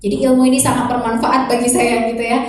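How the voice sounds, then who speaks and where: A woman teacher and mother calmly explaining a classroom lesson, posing many rhetorical questions. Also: a little high, quick pace, a little hiss or hum. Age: adult mother. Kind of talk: sharing a lesson reflection. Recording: echoey room, voice far from mic.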